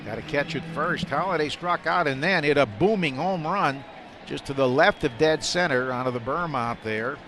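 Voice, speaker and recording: The steady background noise of the stadium fills the recording as a man, working as the radio play-by-play announcer, calls a live baseball game from an outdoor ballpark's broadcast booth. He speaks at a moderate pace in a fairly high voice.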